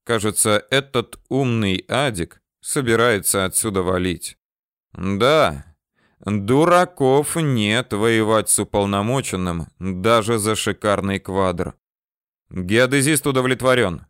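A man reading an audiobook in measured, unhurried narration. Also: on the low side, animated, a bit bright, smooth, dry recording, clean studio sound. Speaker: audiobook reader. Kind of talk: scripted narration.

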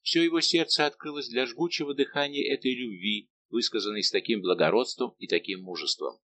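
A man's voice: mid-range voice, a little fast, bright, forceful tone, slight background noise. Man narrating a classic adventure novel. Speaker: audiobook narrator. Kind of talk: scripted narration.

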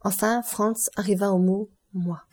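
Mellow woman narrating a classic novel. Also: medium pitch. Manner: measured, expressive reading. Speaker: audiobook narrator.

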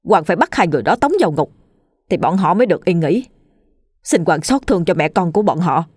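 A woman's voice: lowish voice, expressive, fast talker, darkish tone, breathy edge, no room sound, clean studio sound. A woman voicing a grieving village man who pleads before an official in a spoken ghost story, her tone choked and earnest. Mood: pleading.

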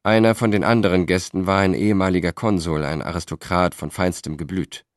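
A man voicing a sly, well-connected Roman gentleman in an audiobook, chatty and confiding. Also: sits low, fairly even intonation, brisk, dry recording, studio quality, close to an everyday voice.

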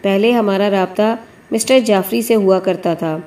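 A woman reading a polite, earnest young reporter in a mellow audiobook. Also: medium pitch, lightly acted.

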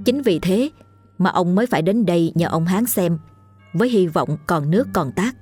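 A woman narrating a ghost story audiobook in a steady, solemn manner. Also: fairly low pitch, moderate pace, breathy edge, dry recording. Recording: faint music behind. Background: faint background music.

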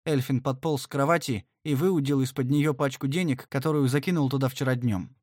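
A man narrating an audiobook in an expressive, lively reading style. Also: mid-range voice, a little fast, dry recording, clean studio sound. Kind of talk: scripted narration.

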